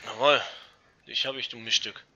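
A young man giving casual, excitable commentary over an online shooter match, swearing and talking to his viewers. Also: mid-range voice, moderate pace, slight background noise. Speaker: let's play gamer. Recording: dull lo-fi gaming mic.

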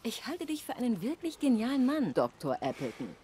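An actress playing a woman who gently teases and encourages her partner. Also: on the high side, huge pitch swings, fairly quick, a little hiss or hum. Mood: coaxing. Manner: coaxing and teasing. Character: teasing, supportive woman scientist.

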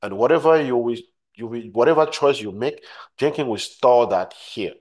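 A man giving a screen-recorded software tutorial, walking through steps and often checking in with "right?" while repeating his points. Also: medium pitch, expressive, normal speed. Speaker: tutorial instructor.

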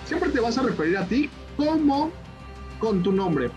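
A man, a teacher trainer hosting a children's event over a video call, talking in an animated, coaxing way and repeating himself. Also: high-pitched, a little fast, soft background music. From Mexico. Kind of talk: lively online workshop hosting.

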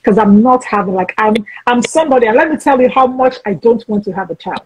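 A woman's voice: fairly high pitch, fast talker, a little mellow, husky, rough recording. A woman in her forties hosting a casual video-call interview, frank and chatty, often restarting her sentences. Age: 40s. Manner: chatty, frank, talks over herself with restarts. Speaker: host.

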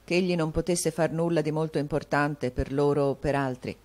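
A woman's voice: low-pitched, steady tone, brisk, darkish tone, lightly acted. Woman reading a proud, hot-tempered young man. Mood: earnest. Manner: earnest, scornful at times.

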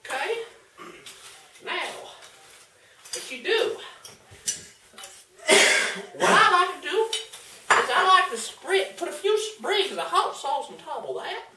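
Young man putting on a squeaky, hammy cooking-show host Floyd. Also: big pitch swings, slow, long pauses, heavily acted. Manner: high squeaky put-on voice, hammy, drawls y'all and folks. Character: folksy, goofy male cooking-show host. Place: home kitchen, indoors. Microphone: camera across the room. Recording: echoey kitchen, far camera mic, faint noise.

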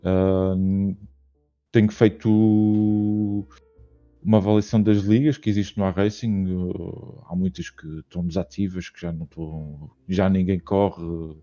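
Hesitant Portuguese man, dark flat voice. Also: low-pitched, unhurried, lo-fi sound, faint music behind. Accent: European Portuguese. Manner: hesitant, many fillers and restarts. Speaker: podcast guest. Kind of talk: casual chat. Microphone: video call.

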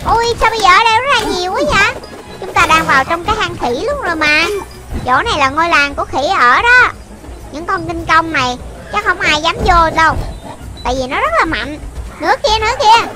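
A game video narrator for children keeps up excited running gameplay commentary in a very high, childlike voice, a little fast. The delivery is exclamatory and repeats short phrases, while loud video game music plays over the voice.

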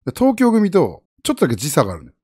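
Chatting casually with his viewers, a Japanese streamer rambles and hops from one topic to the next. He talks at a racing pace in a husky voice, animated and jumping between high and low pitches.

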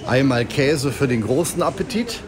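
A man in his forties vlogs his travels from a car and a supermarket, chatty and wry, holding the camera at arm's length as music plays beneath him. His mid-range voice is expressive and moves at a moderate pace.

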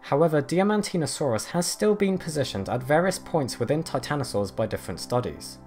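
A man narrating a scripted nature documentary in a measured, explanatory way. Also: on the high side, expressive, darkish tone. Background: background music.

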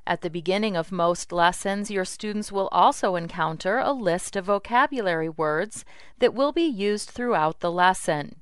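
A woman narrates an educational software demo from a script. Her voice is smooth and clean, of medium pitch, recorded very dry. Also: lively intonation, moderate pace, no room sound.

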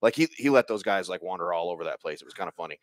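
A man's voice: low voice, expressive, dry recording. Guy cohosting a chat show, jokey, laughs a lot, dry close sound. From Connecticut. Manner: joking, quick to laugh. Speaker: podcast host. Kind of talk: casual chat.

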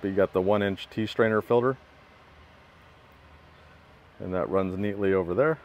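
The audio sounds dull as a man with a fairly low voice, talking at normal speed, shows off a work truck in a parking lot. He builds equipment and films this plain, casual walkaround on his own handheld phone.

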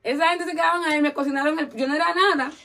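Racing along in a high voice, a woman spins a long tale in an informal interview. Her delivery is lively, and she imitates the voices of everyone in the story.

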